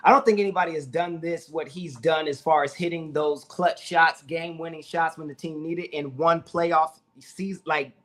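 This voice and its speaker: A man's voice: a little high, fairly even intonation, moderate pace, hardly any pauses, a bit bright. A man co-hosting a sports talk show, telling stories with animation and acting out his friends' lines in casual chat.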